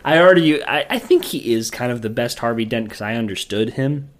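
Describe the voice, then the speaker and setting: A man's voice: mid-range voice, lively intonation, a little fast. A man co-hosting a podcast in casual chat, rambling and profane, laughing often. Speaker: podcast co-host.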